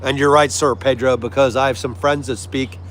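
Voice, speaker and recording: A friendly livestream host from the United States chats casually and agreeably with his live viewers in an American accent. His voice is medium in pitch, a bit bright, fairly even in intonation, and moderately paced. Behind it is a clear recording with vehicle-like background ambience.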